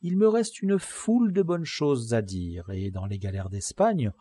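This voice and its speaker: A man's voice: mid-range voice, very animated, measured pace, mellow, slightly rough, dry recording. A man doing a sly mocking convict. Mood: boastful. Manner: glib, sardonic, mock-polite. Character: sly boastful male convict, proud and mocking.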